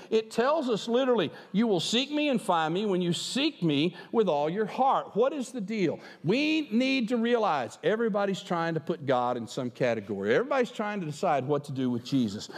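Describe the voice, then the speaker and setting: An older man preaching a sermon on a large church stage, emphatic and animated, moving around as he speaks. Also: sits high. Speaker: pastor. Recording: long hall reverb.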